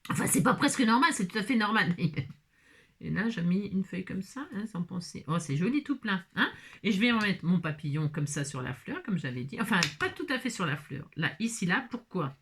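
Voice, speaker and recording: A woman's voice: lowish voice, very animated, normal speed, a bit bright, breathy edge. Chatty older woman rambling through a craft demo. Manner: chatty, rambling, self-correcting, frequent small laughs. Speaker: craft video host. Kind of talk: casual crafting tutorial.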